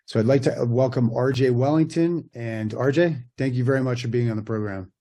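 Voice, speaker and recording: A man hosting an interview in a mellow, relaxed voice. He asks his questions hesitantly, filling the pauses with ums and answering his guest with short affirmations. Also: medium pitch. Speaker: interview host.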